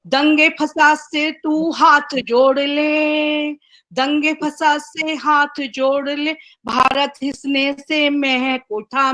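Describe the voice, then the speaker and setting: A woman's voice: high voice, fairly bright tone. A woman guest poet reciting her verse in a chanted, sing-song way, repeating each line, over a video call. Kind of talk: poetry recitation.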